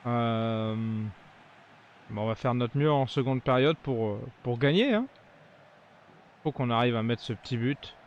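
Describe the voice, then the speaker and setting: A man's voice: mid-range voice, expressive, unhurried, pauses often, dull audio, slight background noise. Sarcastic man commentating his gameplay. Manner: sarcastic grumbling asides. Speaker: gaming video creator.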